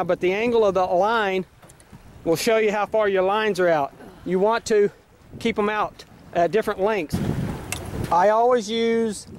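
A man giving a relaxed, casual fishing how-to while out on a pontoon boat, filled with uhs. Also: high voice. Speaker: fishing vlogger. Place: pontoon boat on a windy lake, outdoors. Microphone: handheld camera mic. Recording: heavy wind and boat noise on mic.

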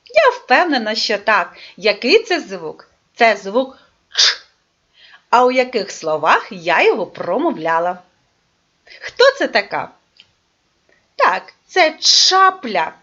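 A woman's voice: mid-range voice, bright, forceful tone. A woman teaching a lesson to young children, coaxing them along and drawing out her words. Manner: sing-song, coaxing, drawn-out words. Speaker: preschool teacher. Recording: dull lo-fi recording.

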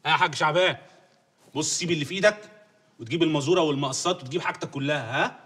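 Brief: a pushy Egyptian host, fast and high-pitched, escalating threats. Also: male voice, a bit bright, breathy edge. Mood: insistent. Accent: Egyptian Arabic. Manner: insistent, swears oaths, escalating threats. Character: overbearing male host Awad, pushy hospitality. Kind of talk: comedy sketch acting.

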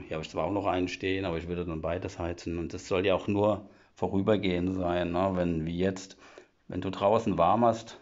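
Walking through the inside of an old half-timbered house, a vlogger talks viewers through his home in a casual chat. His voice is very low, gravelly and a little mellow, and he goes step by step with lots of fillers. Recorded on a phone camera in his hand, the audio comes out dull and lo-fi.

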